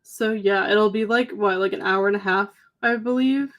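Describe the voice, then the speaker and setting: A woman's voice: medium pitch, fairly even intonation, normal speed, a bit bright. A young adult woman co-hosting a reading livestream, chatting casually with viewers, with a lot of "um" and "like," her voice slightly worn. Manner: chatty, lots of "um" and "like". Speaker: livestream co-host.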